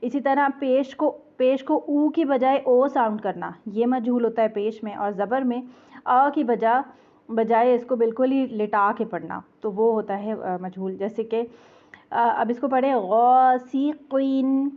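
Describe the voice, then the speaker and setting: A woman teaches Quran recitation rules, speaking slowly in a fairly high voice. She repeats each word syllable by syllable and chants the verses at an unhurried pace. The audio is narrow and tinny, like a phone call. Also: steady tone. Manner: patient, breaks words into syllables and repeats them. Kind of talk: tajweed lesson with slow recited examples.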